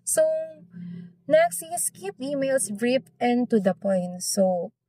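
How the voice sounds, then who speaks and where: With faint music behind her, a young Filipino teacher talks through a casual lesson in English and Filipino, slowly and chattily, often ending with tag questions. Her Filipino-accented voice is a little high and mellow, with big pitch swings and no echo.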